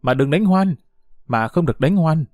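A man's voice: fairly high pitch, animated, moderate pace, darkish tone, no room sound, studio quality, soft background music, lightly acted. A man voicing a polite, somewhat shy adult lodger. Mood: urgent. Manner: polite, hesitant.

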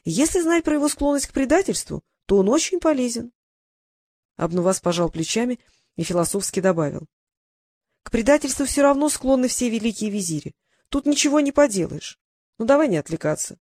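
A woman's voice: on the high side, sing-song, brisk, a little mellow, dry recording. A woman voicing a stern, scheming male sultan in an audiobook, with a dry, ironic, sighing manner. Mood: wry. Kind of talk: audiobook character reading.

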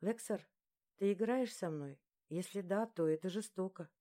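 A woman's voice: mid-range voice, normal speed, close to an everyday voice. A woman reading a shy, eager young heroine. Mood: earnest. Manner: soft, questioning, hesitant. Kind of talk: audiobook narration.

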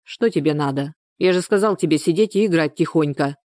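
Woman doing a pushy gruff man. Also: sits low, fairly quick, darkish tone, no echo, studio quality, lightly acted. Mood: irritated. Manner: urgent, pressing, gruff. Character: pushy, hot-tempered married man.

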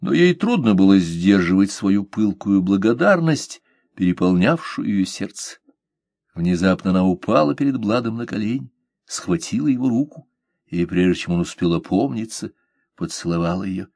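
A man reading an adventure novel aloud as narrator, in a steady, measured manner. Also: fairly low pitch, dry recording. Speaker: audiobook narrator. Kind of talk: scripted narration.

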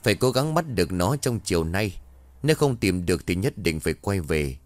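A man plays an old village exorcist, calm and grave, giving solemn, measured explanations in a deep, low voice. The sound is dry and close with no echo, and there's faint music behind him.

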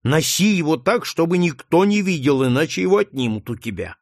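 A man voicing a passionate, impulsive young boy with excited outbursts in an audiobook reading. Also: fairly high pitch, a little fast, dry recording, studio quality. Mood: earnest.

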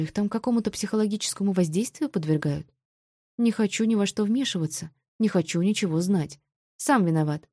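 A woman reading a first-person novel aloud, wry and sharp-tongued. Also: fairly low pitch, no echo, studio quality. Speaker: audiobook narrator.

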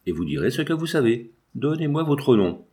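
A man's voice: medium pitch, big pitch swings, normal speed, warm tone, pitched above the performer's own voice, lightly acted. Man reading a seasoned old policeman for an audiobook, matter-of-fact and assured. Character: old male policeman, former soldier, assured.

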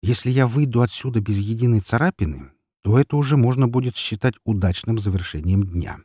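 A man reading a fantasy audiobook in the first person, telling the story in an expressive, lively way. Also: medium pitch, brisk, breathy edge, no room sound, clean studio sound. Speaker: audiobook narrator. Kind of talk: scripted audiobook narration.

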